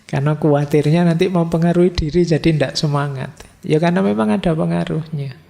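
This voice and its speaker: A middle-aged man lectures on philosophy in a casual, teasing way. His voice is mellow and slightly high, with a gravelly fry. A long hall reverb trails behind every phrase. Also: fairly quick. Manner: conversational, teasing examples, rhetorical questions. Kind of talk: casual Javanese-tinged lecture. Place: large mosque hall.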